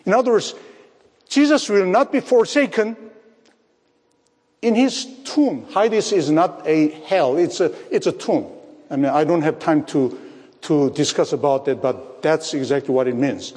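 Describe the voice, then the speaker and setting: A man preaching a sermon, speaking slowly, repeating phrases and asking his listeners rhetorical questions. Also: on the high side, darkish tone. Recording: long hall reverb.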